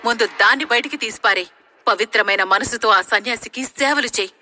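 A woman's voice: a little high, steady tone, fairly quick, pushed and bright. A woman voicing a devout village priest scolding his daughter in a stern, admonishing way.

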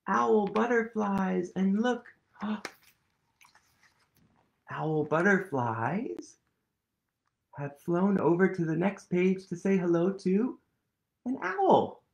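A man in his thirties reads a picture book aloud to children as a storytime reader, animated and playful as he leads them in actions. His voice is high-pitched and creaky, captured on a webcam in a small room.

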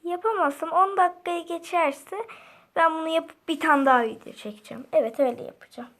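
A young woman giving casual gameplay commentary, often frustrated and muttering to herself to stay calm. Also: extremely high pitch, a little fast. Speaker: gameplay video creator.

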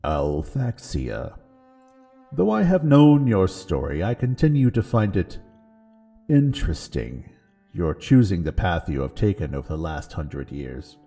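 A man voicing an ancient dragon god who is calm and kindly, speaking slowly and solemnly. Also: sits low, soft background music, voice pushed down, heavily acted. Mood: gentle, solemn. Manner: slow, solemn, gentle delivery.

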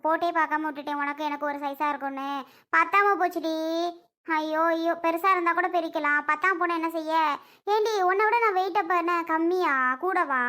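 Lady doing squabbly chatty aunties in a family skit, very high and bright, lots of exclaiming. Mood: teasing. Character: bickering, tearful women relatives at a family function. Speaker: performer voicing several women relatives.

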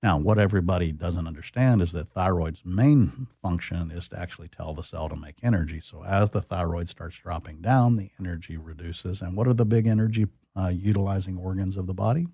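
A man's voice: low-pitched, a little fast, few pauses, mellow, husky, dry recording, dull audio. A man, a doctor as guest expert, explaining in a teacherly way and quizzing the host with questions. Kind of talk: explanatory interview.

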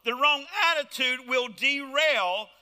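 A man's voice: very high-pitched, takes it slowly, sharp tone, smooth, long reverb tail. A man preaching a fervent sermon as pastor, throwing out call-and-response asides to his congregation. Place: church.

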